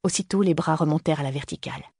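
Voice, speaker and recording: A man narrating a thriller audiobook in a steady, measured reading voice. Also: on the high side, slightly rough, dry recording, studio quality. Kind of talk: scripted narration.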